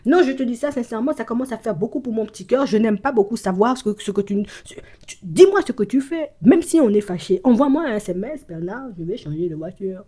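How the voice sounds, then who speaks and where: A woman's voice: a little high, expressive, quick pace, dark tone, slightly rough. A woman giving a spoken intuitive reading to the viewer as a psychic reader. She rambles, stammers and repeats herself, leans on constant verbal fillers, and slips into speaking in the first person for an absent person.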